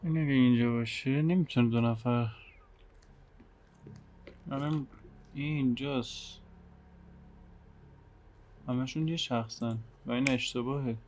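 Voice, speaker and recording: A man's voice: mid-range voice, rapid-fire, long pauses, a little mellow, slight background noise, low-quality recording. A man with an Iranian Persian accent doing casual game walkthrough commentary, muttering as he thinks aloud. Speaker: game streamer.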